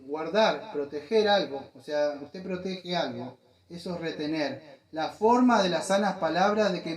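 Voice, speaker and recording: A man's voice: fairly high pitch, reverberant, low-quality recording. A man with an Argentine accent preaching a sermon, earnest and repetitive, often addressing listeners as beloved. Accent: Argentine Spanish. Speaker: pastor. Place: church.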